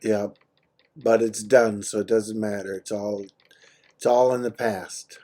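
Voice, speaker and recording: This American man's voice is lowish and warm, with a steady tone and measured pace. He's on a casual personal phone call, speaking in brief, simple sentences with an easygoing, matter-of-fact air.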